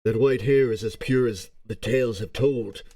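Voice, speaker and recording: A man's voice: normal speed, dark tone, no echo, clean studio sound. A man voicing a stern, self-righteous villain, speaking into a cup so his voice sounds muffled and boxed in. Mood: grim. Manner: low, grave delivery while dubbing a game character. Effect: muffled, spoken into a cup. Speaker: gamer voicing game characters.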